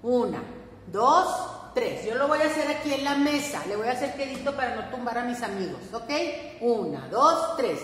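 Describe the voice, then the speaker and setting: A woman with a Mexican accent teaching preschoolers, singing and talking to them in an animated sing-song way. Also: on the high side, moderate pace, slight background noise. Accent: Mexican Spanish. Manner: animated sing-song, speaking to small children. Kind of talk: singing lesson for young children. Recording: echoey room, long reverb, faint ambience.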